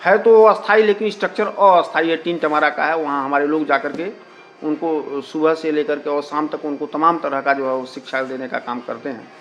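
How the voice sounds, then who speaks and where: Over soft background music and dull audio, a man representing a community radio station briskly explains things in an interview. His voice is fairly high and his tone steady, and he repeats himself while mixing English words and filler phrases into his Hindi.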